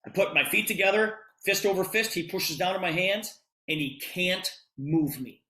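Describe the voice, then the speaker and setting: A middle-aged man tells a story to a group in a bright, forceful voice, acting out each exchange as he goes. His voice rings around a roomy, echoey space. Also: high voice, moderate pace. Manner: animated, acts out dialogue. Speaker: presenter promoting a product. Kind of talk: storytelling sales presentation. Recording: roomy echo.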